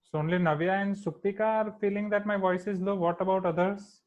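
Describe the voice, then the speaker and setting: This Indian maths teacher runs a live online class, mixing English and Hindi and frequently prompting students to respond in the chat. His slightly high voice holds a steady tone and moves a little fast. Audio comes across echoey and thin, much like a phone call.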